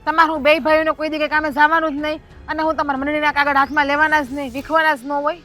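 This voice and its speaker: A scolding, level-headed village wife. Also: female voice, sits high, quick pace, soft background music. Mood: reasoning. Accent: Kathiawadi Gujarati. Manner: chiding, urging calm. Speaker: wife of the elder brother. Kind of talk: rural family drama acting.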